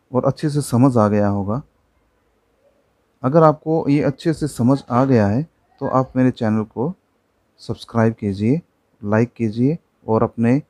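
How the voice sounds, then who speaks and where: A man's voice: medium pitch, dark tone, no room sound. Man, teacher, classroom explanation, patient, example after example, dry recording.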